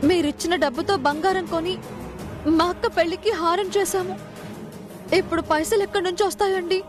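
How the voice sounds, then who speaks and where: A woman's voice: extremely high pitch, steady tone, fairly quick, over music. An actress playing an anxious young woman guarding her sister's wedding, earnest and pleading. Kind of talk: TV serial acting.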